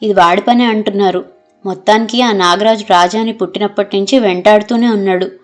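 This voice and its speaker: A woman narrating an audio novel in a steady, measured storytelling manner. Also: medium pitch.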